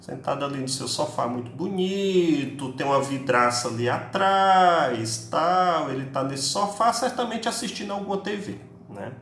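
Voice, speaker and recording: A man's voice: on the high side, expressive, moderate pace, hardly any pauses, fairly bright tone, slight background noise. A man, an English teacher giving a recorded class lecture in a chatty way, with constant tag questions. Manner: chatty, peppers speech with tag questions, acts out students' questions. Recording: echoey room, faint ambience.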